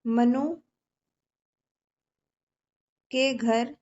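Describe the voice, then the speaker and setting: A woman's voice: on the high side, steady tone, extremely slow, a little mellow, lo-fi sound. A woman teaching an exam-prep lesson, explaining patiently with memory tricks and often checking in with her students.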